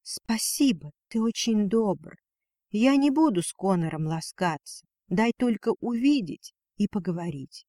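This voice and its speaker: A man's voice: high voice, expressive, a little slow, warm tone, dry recording, clean studio sound, voice pushed up. A man voicing Ninalia, a proud female dragon and mother who fights for her weak daughter, speaking in a defiant, pleading manner. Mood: meek. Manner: pleading then spitting defiance.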